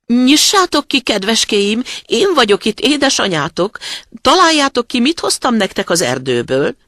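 A narrator voicing a wicked, hungry male wolf in a storybook, sweet and high when luring, loud and growling when threatening. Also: sing-song, no echo, clean studio sound. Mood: falsely sweet. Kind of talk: storybook reading.

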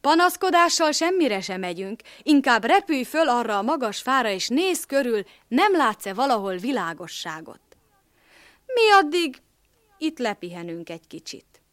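A steady old storybook donkey coaxes his friends along in a reassuring voice, as a woman narrator puts him on. He speaks up high and lively. The recording is close and dry. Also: no room sound. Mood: firm. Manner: coaxing, reassuring.

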